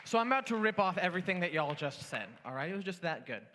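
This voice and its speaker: A man's voice: high-pitched, sing-song, fast talker, sharp tone, a little hiss or hum. A man giving a casual sermon to students as youth pastor, chatty and full of fillers. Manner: chatty, with fillers, acts out voices in the story. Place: church worship hall. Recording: long hall reverb.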